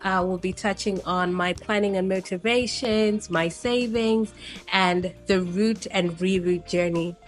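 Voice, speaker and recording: A woman's voice: mid-range voice, fairly even intonation, a little slow, soft background music. A woman from Zimbabwe, around her thirties, chatting casually to camera as a travel vlogger, meandering with frequent ums. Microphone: new personal microphone set.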